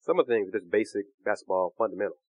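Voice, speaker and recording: A man hosting a casual sports podcast, hoarse with a cough, talking in a joking, laid-back way. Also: fairly low pitch, very fast, darkish tone, dry recording, poor audio. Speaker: podcast host.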